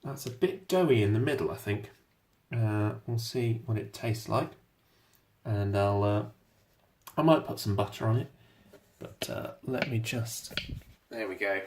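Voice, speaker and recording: A man's voice: fairly low pitch, measured pace, long pauses, darkish tone. A man chatting casually in a home cooking vlog, self-deprecating and talking while he eats. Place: home kitchen. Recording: roomy kitchen echo.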